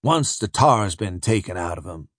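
A man voicing a courteous, calculating slave buyer who drawls slowly and politely. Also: sits low, expressive, slightly rough, no room sound, clean studio sound, voice pushed down.

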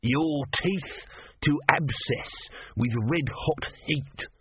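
A man's voice: fairly high pitch, very slow, breathy edge, dry recording, voice pushed up, exaggerated voice. A man voicing an indignant small male tortoise god who hurls theatrical curses, heard over tinny phone-like audio. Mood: haughty.

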